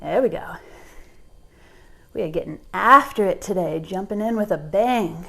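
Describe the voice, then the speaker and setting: A woman's voice: mid-range voice, lively intonation, measured pace, creaky, pushed and bright. A young woman leading a home workout, giving encouraging cues while exercising along, getting out of breath at times. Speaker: fitness instructor.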